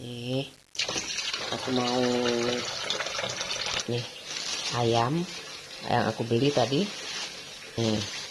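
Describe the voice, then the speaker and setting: A woman's voice: rumbling low, steady tone, extremely slow, pauses often, very noisy. A woman chatting casually in her home vlog, laughing often. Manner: chatty, laughs often, mixes in Javanese words. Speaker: vlogger.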